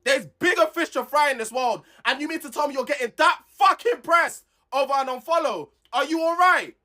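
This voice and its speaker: A woman's voice: sits high, fairly quick, bright, forceful tone. A woman delivering an angry, heated commentary, swearing and repeating herself as she rants.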